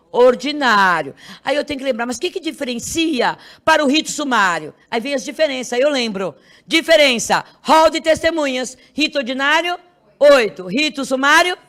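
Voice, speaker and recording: A woman's voice: high voice, a bit bright. A woman with a Brazilian Portuguese accent teaching an exam review class, quizzing the students with constant rhetorical questions and repeating key terms. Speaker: law exam prep teacher.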